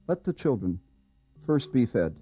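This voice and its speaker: A man voicing a calm male teacher who speaks slowly and with measured authority. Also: medium pitch, husky, dull audio, voice pushed down. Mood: solemn.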